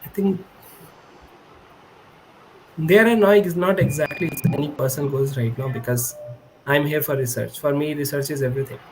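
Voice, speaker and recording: Sitting in a high-backed chair indoors, a young man from India in his twenties, whose first language is Hindi, appears as a PhD student guest on a remote podcast. He talks earnestly at a moderate pace, pausing often and correcting himself mid-sentence, in a slightly high voice. The audio is poor, with slight background noise.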